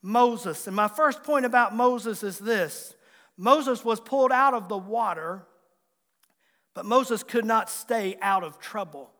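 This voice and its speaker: A man's voice: sits high, slow pace, sharp tone. A man in his forties, a pastor with a Southwest Virginia accent, preaching a sermon in a folksy, self-deprecating way and joking with his congregation. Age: 40s. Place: church sanctuary. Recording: long hall reverb.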